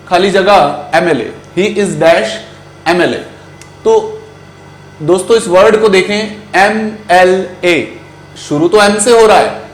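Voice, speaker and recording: A man with an Indian English accent teaching an exam-prep grammar lesson in a classroom, drawing out words slowly as he drills pronunciation. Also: sits high. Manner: slow, stretched-out pronunciation drills. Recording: echoey room.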